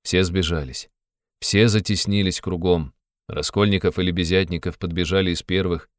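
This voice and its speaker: A man narrating an audiobook in a steady literary reading. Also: sits low, moderate pace, dry recording, clean studio sound.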